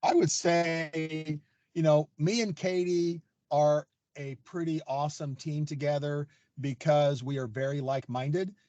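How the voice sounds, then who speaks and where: A man's voice: fairly high pitch, fairly even intonation, unhurried, warm tone, dry recording, muffled recording. A man who organizes fundraising events, speaking upbeat and motivational in a webinar conversation from a parking lot over a video call.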